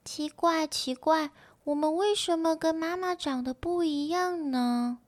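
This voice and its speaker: A woman voicing a group of eager little tadpole children in a high, childlike storybook voice. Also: unhurried, no echo. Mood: polite. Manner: high, calling out excitedly.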